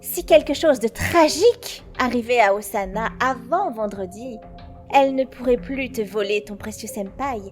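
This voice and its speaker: A woman voicing a sly, composed teenage schoolgirl informant in a French anime fan dub, speaking in a knowing, measured way. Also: a little high, soft background music, lightly acted. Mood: scheming.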